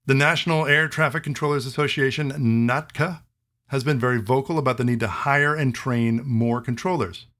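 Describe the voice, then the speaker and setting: A man hosting a talk show, explaining things in a conversational way with animated asides, quick bursts and slower stretches to spell terms out. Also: medium pitch. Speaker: host. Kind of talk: explanatory monologue.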